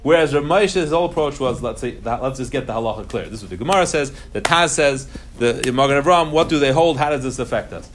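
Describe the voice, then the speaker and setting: Against a noisy background, a man gives students an informal lecture on religious law, talking fast at medium pitch. He explains emphatically, repeats key phrases and mixes Hebrew terms into his English.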